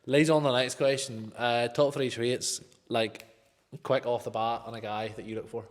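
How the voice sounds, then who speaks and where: A man's voice: mid-range voice, steady tone, normal speed. A man, co-hosting a podcast with informal, sweary questions that circle around before landing. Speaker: podcast co-host. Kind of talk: casual interview chat. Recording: reverberant, hall-like room echo.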